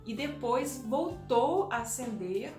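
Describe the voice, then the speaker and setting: A woman vlogger telling a personal childhood story to her viewers, animated and often turning to them directly. Her voice sits fairly high and rings a little in a roomy, echoey space. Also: takes it slowly, over music. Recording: echoey room.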